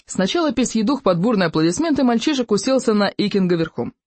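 An audiobook narrator reading a children's adventure story in an expressive, animated way. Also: medium pitch, quick pace, no echo. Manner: lively, animated.

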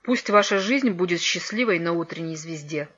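A woman voicing a kindly old male wizard and grandfather in a storybook reading, speaking gently and solemnly. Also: fairly low pitch, animated, normal speed. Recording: dull lo-fi recording.

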